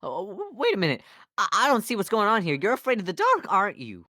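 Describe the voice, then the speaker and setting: A woman's voice: mid-range voice, huge pitch swings, fast talker, pushed and bright, no room sound, studio quality, full character voice. A woman voicing a jittery, talkative male donkey who stammers and rambles in an amateur fan dub. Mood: teasing.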